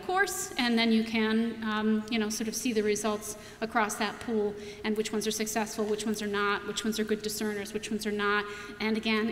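Speaking from a podium on a big auditorium stage, this young adult woman presents product features in her keynote, chatting casually with frequent fillers and restarts. Her pitch is fairly high and her tone fairly bright. Audio comes from the podium mic via a far-off camera, leaving an echoey, long-reverb sound with slight background noise.

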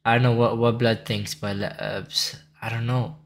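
A man's voice: medium pitch, level tone, moderate pace. A young man casually reacting to chess videos, blunt and sarcastic, often trailing off into mumbles. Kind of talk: casual mocking reaction commentary.

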